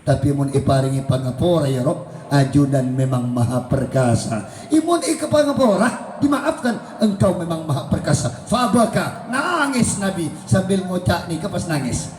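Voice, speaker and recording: A man preaches, his voice pitched high and his delivery swinging up and down as he acts out the dialogue of the story. The sound carries through a large, echoey hall, with a faint hiss behind it. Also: big pitch swings, normal speed, darkish tone. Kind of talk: sermon.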